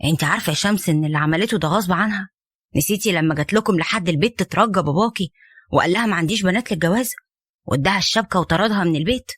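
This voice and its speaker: A woman voicing a caring young man with an Egyptian accent, talking gently and with concern. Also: on the low side, racing, husky, no room sound, clean studio sound, voice pushed down. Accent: Egyptian Arabic. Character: caring young man, the heroine's former fiancé.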